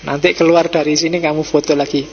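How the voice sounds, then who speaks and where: A man's voice: a little high, little pitch movement, fast. Javanese-accented man lecturing in echoey hall. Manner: chatty, teasing, slips into Javanese asides. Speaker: philosophy lecturer. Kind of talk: relaxed Islamic study-circle lecture. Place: mosque hall. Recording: dull echoey hall recording with faint hum.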